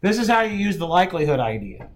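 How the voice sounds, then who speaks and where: A man's voice: sits high, big pitch swings, quick pace. A male math instructor giving a classroom lecture, thinking aloud and often checking in with his students.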